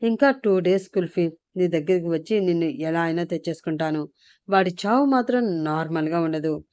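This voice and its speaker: A woman's voice: lowish voice, moderate pace, a little mellow, dry recording, natural voice. A woman storyteller voicing a drunk, menacing male villain who speaks in a leering, pushy way. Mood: threatening.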